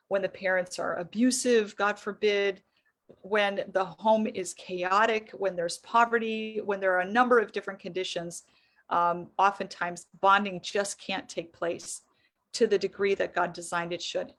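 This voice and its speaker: A woman's voice: mid-range voice, a bit bright. A middle-aged woman giving an earnest, explanatory faith-based teaching talk on psychology, asking her listeners rhetorical questions.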